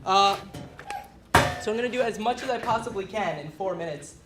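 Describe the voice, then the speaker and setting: A reader performing a children's book aloud for a small audience, quick and giggly, laughing between lines. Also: mid-range voice, lively intonation, loud music behind the voice. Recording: echoey room, voice from far off.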